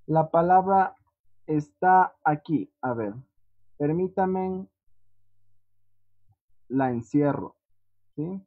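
Teaching English online, this instructor takes an unhurried pace and pauses to check understanding with a questioning "¿sí?". The animated, medium-pitched voice arrives muffled and lo-fi through a computer microphone.

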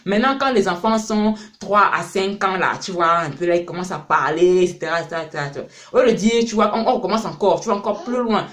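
A man's voice: sits high, fast talker, hardly any pauses, a bit bright. Chatty man teaching casually. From France. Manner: chatty, many fillers and repeated words. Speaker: host of a language-learning channel, a parent. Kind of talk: casual spoken lesson.

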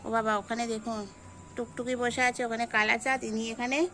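A woman's voice: on the high side, flat delivery, a little fast, bright, forceful tone. A woman, chatting to viewers while filming her pets on a phone and teasing the animals directly. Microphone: phone camera held while filming.

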